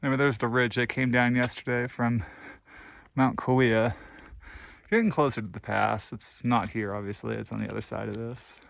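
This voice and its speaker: A man's voice: medium pitch, level tone, normal speed, vocal fry, fairly bright tone, no echo. A man filming himself on a backpacking trip, chatting casually and thinking aloud with a self-deprecating chuckle, sometimes out of breath. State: out of breath at times. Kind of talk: casual trail vlog talking to camera. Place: outdoors on high mountain passes and boulder fields.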